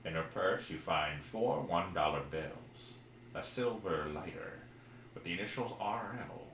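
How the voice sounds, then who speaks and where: This co-host has a deep, animated, slightly bright voice and keeps a measured pace while he chats casually and reads a mystery game aloud. The live-streamed podcast comes from an echoey room, so the audio has a roomy echo with background noise.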